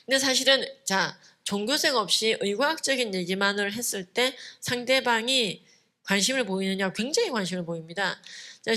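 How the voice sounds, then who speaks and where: A woman lecturing at a church conference, emphatic and lively, telling stories and punctuating her points with quick asides. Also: medium pitch.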